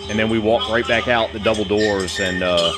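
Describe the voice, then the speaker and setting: A man with a fairly low voice speaks as an interviewed police officer. He recounts events informally, in plain, halting phrases. Prominent music plays over him. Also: fairly even intonation. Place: dining room.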